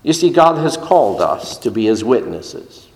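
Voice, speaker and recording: A man's voice: mid-range voice, sing-song, normal speed, a little mellow, roomy sound, in a large hall. A male pastor preaching a sermon with emphatic, repetitive exhortation.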